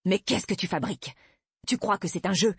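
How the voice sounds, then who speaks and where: A woman voicing an angry middle-aged father in an audiobook, loud and accusing. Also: mid-range voice, brisk, gravelly, breathy edge, no echo. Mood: furious.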